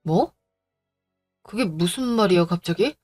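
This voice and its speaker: A woman voicing a gentle, earnest young man in a drama, speaking apologetically to his fiancée. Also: lowish voice, animated, a little slow, soft background music, voice pushed down. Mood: worried. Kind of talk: Korean audio drama acting.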